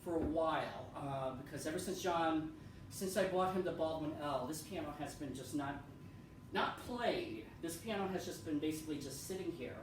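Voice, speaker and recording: Showing off his home pianos in a laid-back tour, a man with a somewhat high, animated voice talks at a moderate pace, rambling, repeating himself, and saying um a lot. The recording is noisy and echoey, made in a room of his house with the mic far away.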